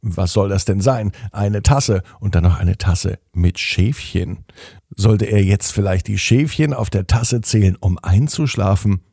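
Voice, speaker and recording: Man, bedtime story narration, dark husky voice, dry close sound. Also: lowish voice, no echo. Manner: calm, unhurried.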